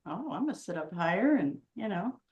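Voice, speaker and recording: A woman co-hosting a podcast in a casual chat, playful and quick to laugh. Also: fairly low pitch, big pitch swings, echoey room, highs cut off, a crowd in the background. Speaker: podcast co-host.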